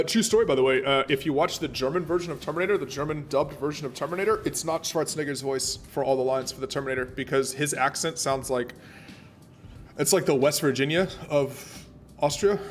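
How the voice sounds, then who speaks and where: A man's voice: mid-range voice, brisk, a little hiss or hum. A man streaming a naval warship game, chatting casually and rambling with plenty of fillers and restarts. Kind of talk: casual gameplay commentary.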